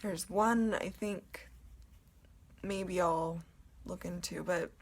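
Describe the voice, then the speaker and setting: A young woman vlogging casually at home to a camera, with a low voice and a rambling, chatty way of talking full of ums. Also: fairly even intonation, takes it slowly, darkish tone. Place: at home, indoors in her apartment. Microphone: camera in front of her.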